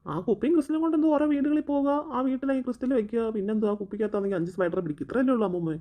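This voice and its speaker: A woman's voice: fairly high pitch, racing, phone-quality sound, close to an everyday voice. Woman doing a bumbling witch's helper. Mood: eager. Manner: eager and servile.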